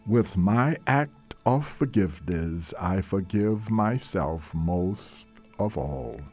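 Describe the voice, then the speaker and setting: A male meditation leader with a medium-pitched voice narrates a guided meditation extremely slowly, his intonation rising and falling over soft meditation music. He's gentle and deliberate, with measured phrasing and long pauses.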